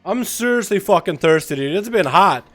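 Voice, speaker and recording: A man's voice: high voice, lively intonation, moderate pace, fairly bright tone, faint music behind. A young man chatting casually as a livestream host, with a slangy, swearing frat-bro hype manner. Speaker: video game livestream host. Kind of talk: casual livestream chat and match commentary.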